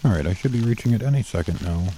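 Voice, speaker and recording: A man's voice: lowish voice, expressive, racing, noisy background. A man narrating an unscripted, step-by-step game walkthrough in a matter-of-fact, instructive way, describing each action as he does it. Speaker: audio game guide narrator. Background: computer game sounds and ambience.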